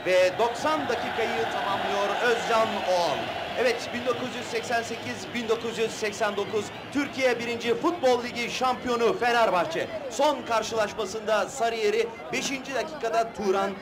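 A man giving excited live football commentary for television, a voice that rises to shouts for goals. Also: extremely high pitch, normal speed, few pauses. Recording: loud stadium crowd, noisy archive TV broadcast. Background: roaring stadium crowd.

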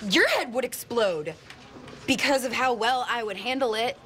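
A woman's voice: a little high, lively intonation, moderate pace, fairly bright tone, a little hiss or hum. An actress in her thirties playing an earnest, eager, competitive police detective in a TV comedy. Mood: defensive. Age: 30s.

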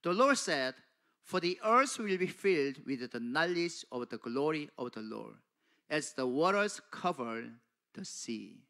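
A middle-aged man preaching at a pulpit in a small church, speaking into a handheld mic, slow and emphatic, calling out "Amen?" to the congregation. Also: fairly high pitch, very animated, creaky, sharp tone. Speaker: pastor delivering an English translation of a sermon. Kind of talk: sermon. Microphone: handheld microphone at a pulpit.

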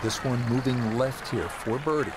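A man playing a golf commentator in a video game, giving measured, appreciative play-by-play. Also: mid-range voice, a crowd in the background, noisy background, lightly acted.

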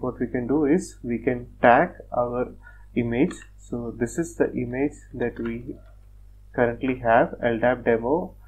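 A man presenting a screen-recorded software tutorial, talking step by step in a plain, methodical way with frequent fillers like "uh" and "like". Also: medium pitch, a little hiss or hum, poor audio. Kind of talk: screen-recorded technical walkthrough.

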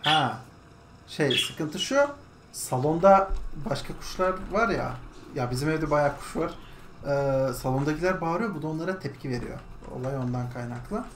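Low-voiced woman narrating her gameplay. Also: normal speed. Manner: chatty, talks to her pet bird in a high coaxing voice. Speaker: gaming streamer. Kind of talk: casual gameplay commentary. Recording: echoey room with background noise. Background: a bird squawking.

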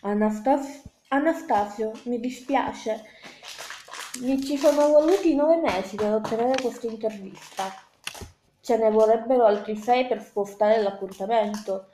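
A woman reading as a hoarse sick student editor. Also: a little high, animated, takes it slowly, mellow, slight background noise. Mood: pleading. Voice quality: hoarse from a sore throat. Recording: echoey room.

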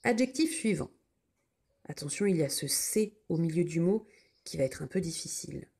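A woman's voice: on the low side, expressive, moderate pace, creaky, warm tone, slightly rough. A woman teaching children to spell, patiently sounding out words and naming their letters one by one.

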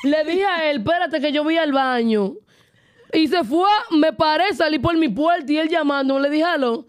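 A young Dominican woman co-hosting a casual podcast, telling an animated story in quick bursts. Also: high-pitched, noisy background. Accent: Dominican Spanish. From Dominican Republic. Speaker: podcast co-host. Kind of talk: casual chat.

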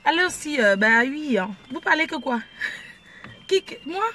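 Femme exubérante dans une voiture bruyante. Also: female voice, high-pitched, expressive, measured pace, sharp tone. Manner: boisterous, mixes French with pidgin English, exclaims "oh yes". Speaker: vlogger. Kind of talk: casual self-filmed car vlog. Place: inside a car at a drive-through. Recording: noisy car ambience. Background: car and engine noise.

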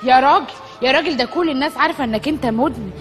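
High, scolding Egyptian woman. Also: very fast, faint music behind. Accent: Egyptian Arabic. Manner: scolding, exasperated. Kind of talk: Egyptian comedy sketch acting.

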